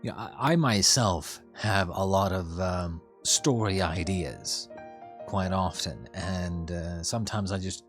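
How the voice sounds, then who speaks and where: A man giving casual reaction commentary as a streamer, thinking aloud haltingly, repeating himself and swearing casually. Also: low-pitched, a bit bright, soft background music. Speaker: streamer reacting to an anime episode.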